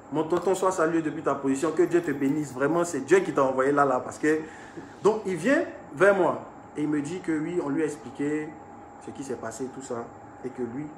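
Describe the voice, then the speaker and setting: A young man telling his viewers about an incident. He talks in an animated way and swings between hushed and raised speech. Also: on the high side. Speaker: artist recounting an incident. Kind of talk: storytelling to viewers. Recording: echoey room with faint ambient noise.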